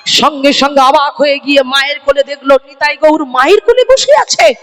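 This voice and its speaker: A woman's voice: sits high, fairly quick, a bit bright. Brief: woman devotional storyteller, vivid delivery, crowd call-outs, music under, echoey hall. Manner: dramatic, calls out to the audience. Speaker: kirtan singer and storyteller.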